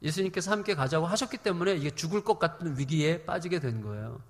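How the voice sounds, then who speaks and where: Animated preacher in a reverberant hall. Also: male voice, fairly high pitch, fast. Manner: animated, acts out quoted voices with humor. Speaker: pastor. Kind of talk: sermon.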